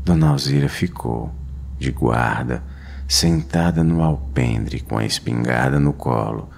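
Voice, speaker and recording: A storyteller with a Brazilian accent narrates a scripted horror tale in an extremely low, gravelly, darkish male voice. He speaks solemnly and slowly, weighting short phrases for suspense over clear background music, with a little hiss or hum in the recording.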